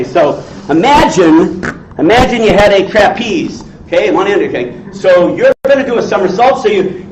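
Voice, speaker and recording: A man's voice: high voice, a little mellow. A man in his sixties giving an informal, blunt lecture to a class, teasing and quizzing his listeners in salty language. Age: 60s. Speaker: entrepreneur lecturer. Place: indoor teaching room with audience. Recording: echoey room, distant mic, dull, faint noise.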